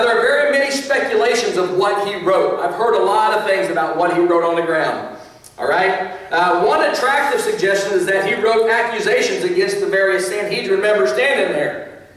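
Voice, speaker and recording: A man's voice: high-pitched, animated, normal speed, a bit bright. A man preaching a sermon as pastor, in a conversational way with asides and small chuckles. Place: church sanctuary. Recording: echoey hall from a distance.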